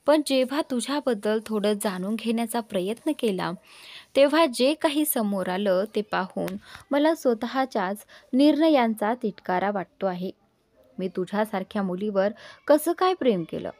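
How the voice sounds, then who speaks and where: A woman's voice: medium pitch, animated, normal speed, a little mellow, dry recording, lightly acted. A woman voicing a jealous young man who speaks in a cutting, sarcastic way to his lover. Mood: furious.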